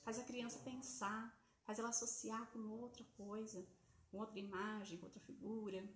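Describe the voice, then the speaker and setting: A woman's voice: fairly high pitch, little pitch movement, normal speed, background noise. Brazilian woman explaining, echoey room. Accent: Brazilian Portuguese. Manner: explaining, checks in with frequent "tá?" and "né?". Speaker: teacher hosting a live stream. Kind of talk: casual teaching talk to parents. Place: home, streaming from a phone.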